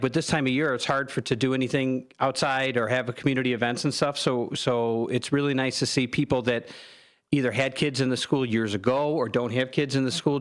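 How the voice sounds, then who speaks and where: An American man with a medium-pitched voice talks casually on a radio show. His delivery is informal and conversational, as a co-host chatting with the others at the table. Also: fairly bright tone.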